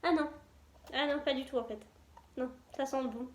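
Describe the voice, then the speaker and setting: A woman's voice: high voice, steady tone, normal speed, background noise. A young woman chatting casually and enthusiastically as a beauty vlogger, with many fillers. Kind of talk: casual chat. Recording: echoey room.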